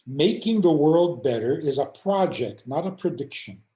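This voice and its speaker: A man's voice: on the high side, normal speed, roomy sound, rough recording. An older man, a rabbi, teaching over a video call and telling stories, acting out the people he quotes. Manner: animated storyteller acting out quoted voices.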